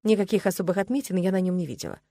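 A woman narrating a first-person story for an audiobook in an even, measured way. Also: on the low side, dry recording.

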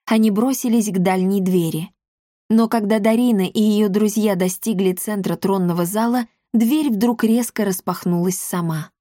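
Brief: woman audiobook reader, mid pitch, dry studio sound. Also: normal speed, mellow, dry recording. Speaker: audiobook narrator. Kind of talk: scripted narration.

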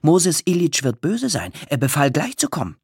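A man doing a frail, breathless, excitable fellow. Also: fairly high pitch, moderate pace, vocal fry, breathy edge, no echo, clean studio sound, voice pushed up, exaggerated voice. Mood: pleading. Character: nervous, excitable male musician, frail and breathless.

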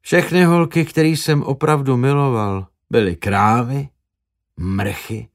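A man's voice: medium pitch, lightly acted. A male audiobook reader voicing a blunt, bitter young man who talks crudely.

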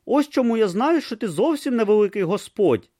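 A man's voice: high-pitched, animated, a little fast, mellow, no echo, clean studio sound, pitched above the performer's own voice. A man doing a timid naive young novice. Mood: earnest. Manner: earnest, hesitant, wide-eyed.

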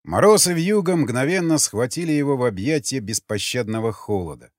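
A man giving an expressive, measured dramatic audiobook narration. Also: mid-range voice, no echo. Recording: dry close mic, faint music.

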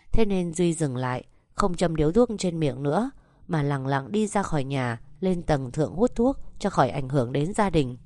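A woman narrating a family story in a calm, measured reading voice. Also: sits low, dry recording, studio quality.

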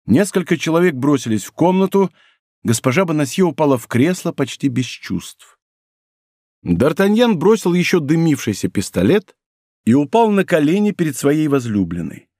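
Expressive male audiobook narrator. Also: a little high, normal speed, dry recording, clean studio sound. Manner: expressive, theatrical storytelling.

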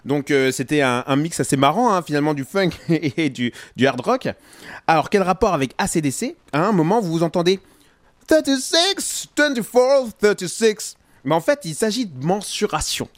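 A man's voice: fairly high pitch, animated, fairly quick, no room sound. A man hosting a music radio show, chatting casually and playfully with plenty of fillers. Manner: chatty and playful, many fillers, chuckles at his own asides. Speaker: radio host. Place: radio studio.

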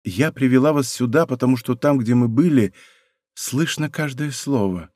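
A man voicing a proud young princess in an audiobook, speaking softly, calmly and deliberately in a dry studio sound. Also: mid-range voice, dry recording, lightly acted. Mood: quiet, composed. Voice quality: soft, hushed. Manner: calm, deliberate and quietly firm. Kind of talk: audiobook character voice.

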